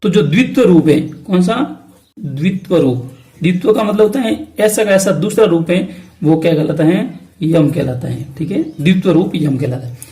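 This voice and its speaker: High-voiced Hindi teacher quizzing himself. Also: male voice, animated, mellow. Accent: Rajasthani Hindi. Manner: asks questions then answers them himself; repeats key terms slowly. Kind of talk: exam-prep lesson.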